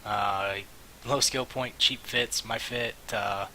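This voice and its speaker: A man giving casual, rambling and halting commentary on a game stream, with mouse clicking behind him. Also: lowish voice, fairly even intonation, bright, forceful tone, low-quality recording. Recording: hissy mic, faint background noise.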